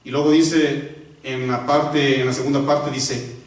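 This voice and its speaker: Delivering a sermon at a measured pace, this male pastor speaks at a medium pitch with little variation in tone. He is recorded from a distance in a very echoey church hall, asking rhetorical questions, correcting himself, and repeating words for emphasis.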